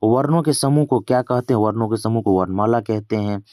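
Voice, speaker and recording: A man's voice: lowish voice, fairly quick, mellow, no echo, clean studio sound. A man teaching a grammar exam lesson. He reads each question twice and then answers it himself, dropping in casual English filler words.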